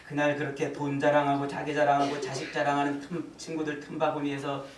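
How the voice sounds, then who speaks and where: A male pastor preaching a sermon, telling a personal story with big swings between loud exclamations and hushed asides. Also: a little high, completely flat delivery, a little fast, slight background noise. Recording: echoey hall, voice from far off, faint ambience.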